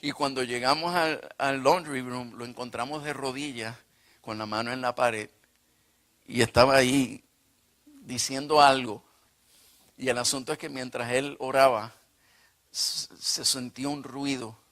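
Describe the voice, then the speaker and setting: Male pastor, sermon storytelling, bright forceful tone, animated. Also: medium pitch, normal speed. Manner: animated, acts out dialogue.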